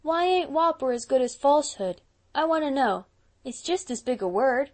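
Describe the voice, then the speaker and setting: A woman doing a high mischievous little boy. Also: expressive, normal speed. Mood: curious. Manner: childish, plaintive, sobbing pleas. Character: remorseful six-year-old boy, mischievous and curious.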